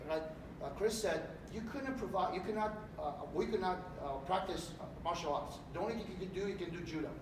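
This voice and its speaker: A middle-aged man from Romania, a political candidate giving an animated campaign speech in a large hotel meeting room. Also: high-pitched, brisk. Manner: animated, gesturing while speaking. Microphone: far camera. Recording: echoey room, distant mic, background noise.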